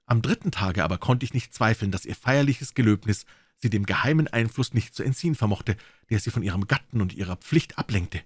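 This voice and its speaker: Husky male audiobook narrator, dry. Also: lowish voice, no echo. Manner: dramatic first-person storytelling. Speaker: audiobook reader. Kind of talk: scripted narration of a classic detective story.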